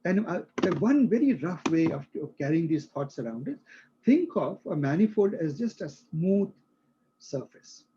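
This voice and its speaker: A man's voice: fairly high pitch, very animated, moderate pace, dark tone, muffled recording, slight background noise. A male instructor explaining a concept to a live class, using everyday examples and often checking that students follow.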